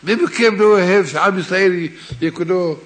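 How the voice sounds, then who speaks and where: Fervent, animated male preacher. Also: sits high. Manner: animated storyteller, swings between hushed and raised delivery; addresses listeners directly and fervently. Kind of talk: Torah sermon with a told parable.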